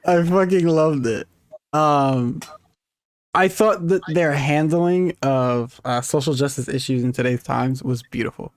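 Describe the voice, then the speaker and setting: A man co-hosting a gaming podcast, chatting excitedly, swearing freely and laughing often. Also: fairly high pitch, a little slow. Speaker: podcast co-host. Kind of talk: casual chat.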